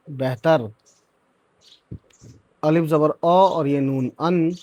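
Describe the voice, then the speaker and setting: A man's voice: on the high side, darkish tone, no echo. A man teaching beginners to read, spelling each word out sound by sound and then joining the sounds, often checking in with short asides. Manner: spells words out syllable by syllable, then joins them; checks in with "theek hai" and "hai na". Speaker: Urdu reading teacher. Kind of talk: letter-by-letter reading lesson.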